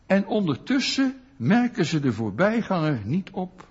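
A man preaching a sermon, animated and often putting questions to his listeners. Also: high voice, unhurried, husky. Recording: dull lo-fi sound.

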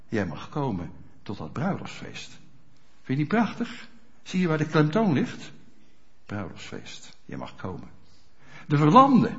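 A pastor preaching a sermon in a church, speaking straight to the congregation with frequent rhetorical questions. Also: male voice, fairly high pitch. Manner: animated, addresses congregation directly with rhetorical questions. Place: church hall. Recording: dull lo-fi church recording.

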